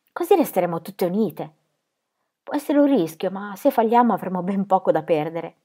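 A woman reads a novel aloud in an audiobook style. Her voice sits at an ordinary middle pitch. She lifts it higher and louder for the characters' lines and drops it low and quiet for the narration that tags who is speaking. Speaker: reader of a novel.

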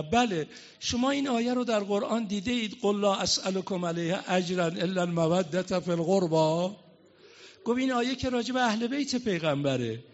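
A man with a high voice preaches a mourning sermon in a hall. He tells the story with rising passion and slips into slow, drawn-out chanting. The recording sounds dull and muffled.

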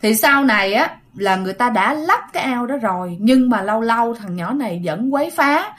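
A woman's voice: fairly high pitch, animated, fairly quick. Chatty Southern Vietnamese woman telling ghost tales. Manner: chatty, addresses listeners directly, acts out quoted shouts. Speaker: ghost story narrator. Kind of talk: casual spoken storytelling.

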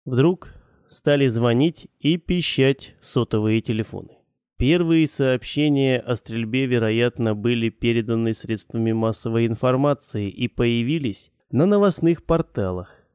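A man reading a first-person audiobook in a measured, matter-of-fact way. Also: medium pitch, darkish tone, clear, resonant tone, no echo, studio quality. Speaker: audiobook narrator.

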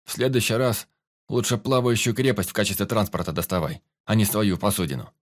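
A grumbling mage complains about his workload, as a male audiobook reader voices him. He uses a plain, lightly low voice. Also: brisk, natural voice.

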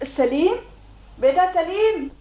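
A woman's voice: very high voice, animated, extremely slow, dark tone, heavily acted. A woman playing an anxious, pious older aunt in a radio drama, pleading and fretful. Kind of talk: vintage radio drama acting.

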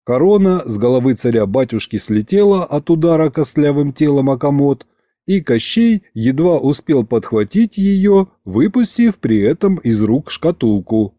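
A man, the author, narrating his own book in a lively, expressive reading. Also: mid-range voice, moderate pace, dry recording, clean studio sound. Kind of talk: audiobook narration.

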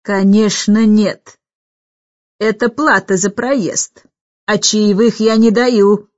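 Booming bossy old lady barking orders, dull dry audiobook sound , woman doing the voice. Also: unhurried, dry recording, natural voice. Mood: domineering. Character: domineering booming older woman, a harsh governess.

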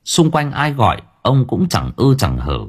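A man narrating an audiobook in a dramatic, expressive manner. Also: mid-range voice, unhurried, slightly rough. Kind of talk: scripted narration.

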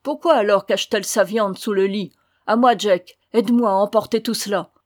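A brutish leader of riders barking accusations and insults, voiced by a woman narrator. He is loud and domineering, pushed up in pitch. The reading is dry and up close. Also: fairly even intonation, brisk, no echo, natural voice. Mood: angry. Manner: bullying, shouting.

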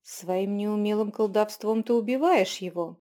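A woman voicing a brisk, wry healer witch who speaks with calm authority. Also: medium pitch, lightly acted.

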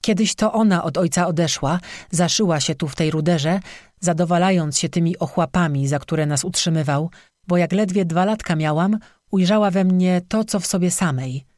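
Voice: mid-range voice, moderate pace, darkish tone, no echo, lightly acted. An audiobook narrator voicing a young cursed strzyga woman who confesses bitterly through tears, recorded dry and close. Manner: bitter, tearful confession with sobbing.

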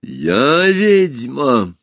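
A man's voice: fairly low pitch, expressive, dry recording. A man voicing a proud, commanding old empress. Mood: wrathful. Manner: slow, solemn, commanding. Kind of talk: audiobook character voice.

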